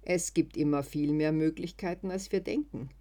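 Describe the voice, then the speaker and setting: A storyteller voicing a clingy, mocking old woman with a croaking voice, in a read-aloud story. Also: medium pitch, expressive, slow pace, darkish tone. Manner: sighing, then sneering.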